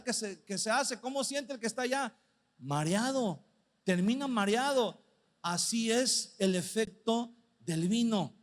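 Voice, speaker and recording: A man preaching a sermon. He asks the congregation many rhetorical questions and slows right down when he reads Bible verses. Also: very high voice, long reverb tail.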